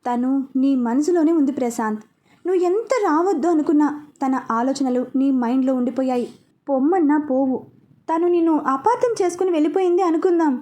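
A woman's voice: high-pitched, fairly quick, mellow, natural voice. A woman voicing a playful, teasing young male police officer in a storybook reading. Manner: teasing, persuasive.

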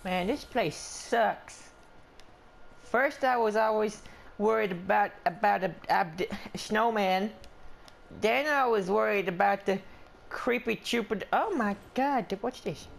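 A man's voice: sits high, takes it slowly, vocal fry, full character voice. A man voicing a skittish, whiny little male adventurer in let's play commentary, rambling and stammering, yelping whenever something attacks. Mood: grumbling. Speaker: gameplay commentator.

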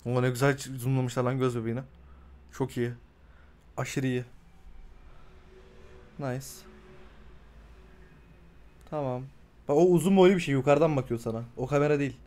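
A man's voice: medium pitch, fairly even intonation, normal speed, long pauses, warm tone. A man streaming live and reacting to horror shorts, talking back to the screen, cursing and yelping when startled.

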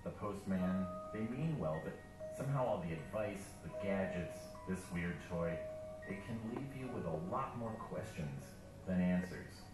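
Low-voiced playful promo voice-over; distant room playback, loud background music. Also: male voice, expressive, unhurried. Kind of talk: scripted promo narration. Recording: video played in a room, echoey and distant with music.

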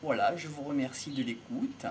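Faint birds and outdoor ambience surround an older man seated in a country field as he speaks slowly to camera through a handheld mic. A speaker on voice and communication, he uses a mid-range voice, pausing often in a measured, philosophical monologue, with slight background noise.

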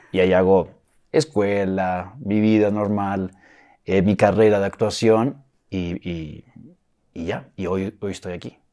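A Chilean-born actor speaking with an acquired Mexican accent, telling his story in a relaxed interview, with many restarts. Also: on the low side. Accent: Mexican Spanish, acquired. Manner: reflective, with frequent restarts and soft laughs. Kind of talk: casual interview talk.

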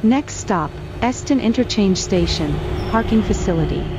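Woman, train PA announcer, polite and even, mid pitch, muffled speaker, vehicle noise. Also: normal speed. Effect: over a train's onboard PA speaker. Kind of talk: automated transit announcements. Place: inside a train in a video game.

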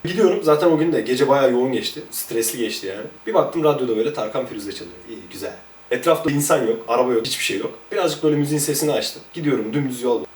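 A man, a former police officer, telling casual stories about his time on duty in a lively, chatty way. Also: medium pitch, very fast, echoey room, recorded from a distance. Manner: lively, chatty, jumps between anecdotes. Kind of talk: casual anecdotal storytelling.

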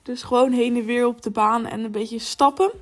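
A woman's voice: on the high side, steady tone, normal speed, soft background music. A young woman in her late teens, chatting upbeat and enthusiastic to a handheld phone camera in a family vlog. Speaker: family vlogger. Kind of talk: casual vlog chat to camera.

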